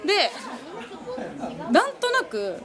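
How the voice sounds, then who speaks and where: A woman guest telling a spooky personal story in a casual, animated way, often laughing as she talks. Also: very high voice, slow, crowd noise.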